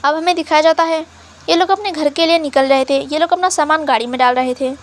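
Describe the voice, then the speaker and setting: Casual storyteller: a woman with a very high voice, chatty fan-story narration. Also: fast talker. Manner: chatty retelling with English words mixed in.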